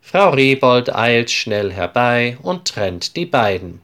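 A man narrating a children's story slowly and clearly, in an articulated reading style. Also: mid-range voice, sing-song, a bit bright. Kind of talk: storybook narration for language learners.

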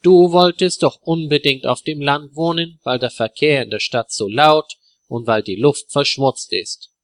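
A man's voice: on the high side, a little slow, no room sound, clean studio sound, pitched above the performer's own voice. A man voicing an angry young wife in a spoken story, scolding her husband.

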